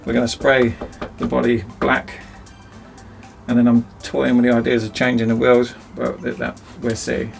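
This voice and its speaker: A man's voice: medium pitch, monotone, moderate pace, creaky, faint music behind. A man chatting casually and self-mockingly as he rambles through a DIY project in his cramped home workshop. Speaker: DIY video host.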